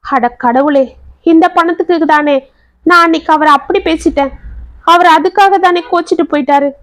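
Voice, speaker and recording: A woman's voice: very high voice, normal speed, dry recording, voice pushed up. A woman voicing a young wife in a story, speaking in an emotional, pleading way. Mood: remorseful. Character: young wife, tearful and remorseful.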